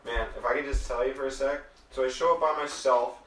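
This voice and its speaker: A man's voice: mid-range voice, steady tone, fast, fairly bright tone. Young guy, co-host, profane storyteller; distant mic in a roomy space. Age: young adult. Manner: swearing storyteller, acts out quotes. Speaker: podcast co-host. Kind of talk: casual chat. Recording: echoey room, far mic, faint noise.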